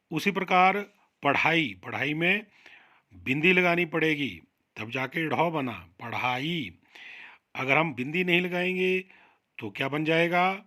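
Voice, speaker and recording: A man teaching a Hindi grammar lesson to children, sounding out each example word slowly and with emphasis. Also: on the high side, bright, forceful tone. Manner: slow, drawn-out, emphatic pronunciation of example words; addresses children directly.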